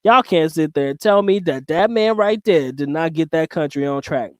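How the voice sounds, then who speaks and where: On a livestream, a middle-aged host reads live chat and rambles through stories, speaking straight to his viewers. His voice is a little high and darkish in tone, animated, at normal speed. The sound is clean studio audio with no echo.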